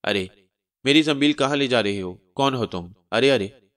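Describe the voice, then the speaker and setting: A man voicing a skinny, panicky male trickster who shouts in flustered bursts. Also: mid-range voice, moderate pace, no room sound, clean studio sound, pitched above the performer's own voice, lightly acted.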